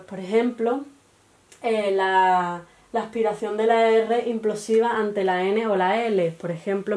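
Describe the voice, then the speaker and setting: A woman with an Andalusian accent delivers a recorded lesson to her students. She explains one point at a time, pausing on short fillers and checking that everyone is following. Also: medium pitch, a little mellow. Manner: explanatory, frequent pauses and "eh" fillers, checks understanding with "¿vale?". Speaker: teacher.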